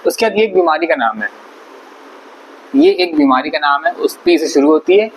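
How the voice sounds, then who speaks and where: A man's voice: on the high side, lively intonation, normal speed, low-quality recording. Man patiently teaching English pronunciation. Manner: explains patiently, repeats and spells out words. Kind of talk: spoken vocabulary lesson. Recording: faint background noise.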